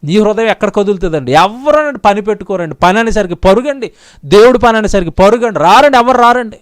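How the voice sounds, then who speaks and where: A man's voice: high-pitched, animated, a little fast, no echo, clean studio sound. A male pastor preaching a sermon in an impassioned, pleading way, repeating his lines over and over.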